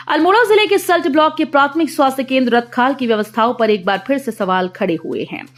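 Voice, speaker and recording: Female news reader, slightly high voice, formal bulletin read, light music bed underneath. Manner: steady formal headline delivery. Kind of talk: scripted news bulletin reading.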